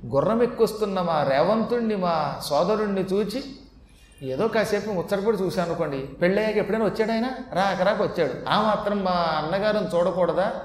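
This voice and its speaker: A man's voice: a little high, brisk, few pauses, a little mellow, a little hiss or hum, lightly acted. A man voicing a goddess wife who defends herself with light jokes and pleads with her husband. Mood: teasing. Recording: echoey hall with faint ambience.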